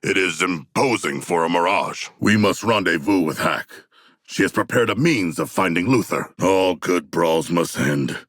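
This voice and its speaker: A man voicing King Shark, a hulking, proud, literal-minded shark-man in a video game, with a deep gravelly voice and stilted, grandiose formal diction. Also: lively intonation, measured pace, fairly bright tone, dry recording, clean studio sound, heavily acted. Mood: calm, formal. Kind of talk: video game character voice lines.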